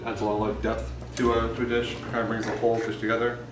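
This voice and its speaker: A man with a medium-pitched, completely flat voice talks quickly while hosting a casual cooking video, rambling in a loose, giggly, tipsy way and swearing offhandedly. He's in an echoey indoor kitchen, far from the mic, with background music and clattering pots and pans.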